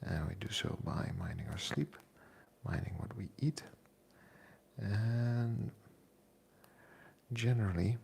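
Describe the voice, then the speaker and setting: A man in his forties talks slowly about fitness in a relaxed, reflective home chat. His fairly low voice has a gravelly edge, and he often pauses to think. A faint hum sits behind him. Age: 40s. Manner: unhurried, reflective, pauses with fillers. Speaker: fitness vlogger. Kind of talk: casual chat. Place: home kitchen.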